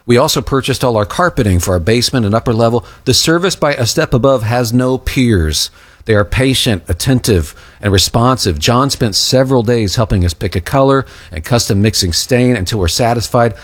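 A man's voice: medium pitch, animated, brisk. A man, a radio host, delivering a scripted sponsor read with testimonial copy.

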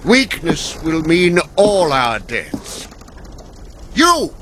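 An actor playing a commanding Roman tribune, stern and authoritative, in a historical drama. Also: male voice, on the high side, sing-song, very slow, noisy background, heavily acted. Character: commanding Roman tribune, noble military officer.

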